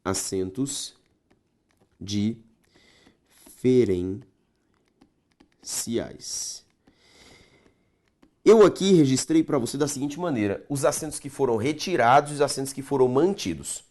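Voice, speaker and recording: A man's voice: a little high, lively intonation, fast talker, hardly any pauses, a little mellow. A man teaching a grammar lesson, stretching key words and checking in with the viewer.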